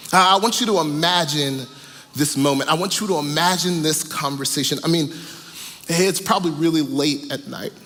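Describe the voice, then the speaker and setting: A man's voice: fairly high pitch, moderate pace, sharp tone, big-room sound. A male pastor preaching a sermon, telling a story earnestly and stressing points through repetition. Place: church auditorium.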